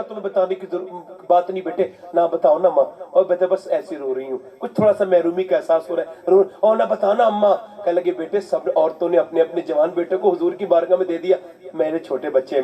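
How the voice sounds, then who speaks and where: A man giving an emotional, dramatic sermon in Urdu, moving between loud shouting and soft pleading as he tells a story. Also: on the high side, highs cut off. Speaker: preacher.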